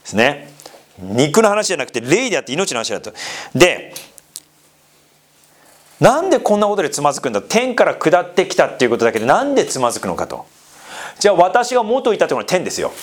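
A man's voice: on the high side, huge pitch swings, quick pace, pauses often. A man preaching a sermon in a conversational way, asking the congregation questions and slipping into casual asides. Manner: mixes polite speech with casual asides. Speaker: pastor.

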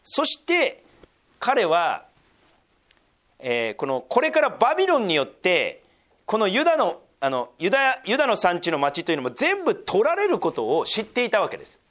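A man preaching a sermon, reading scripture aloud and then explaining it with lively asides. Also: high-pitched, moderate pace. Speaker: pastor.

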